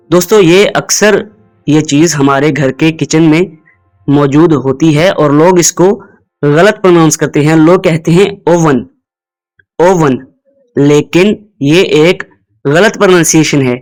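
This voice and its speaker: A fairly high-voiced man, teaching pronunciation in an explainer lesson. He drills each word slowly and several times, inviting the listener to repeat after him. Faint music plays underneath. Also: darkish tone, rough recording. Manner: drills words slowly, repeats them, asks viewers to repeat. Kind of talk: instructional explainer.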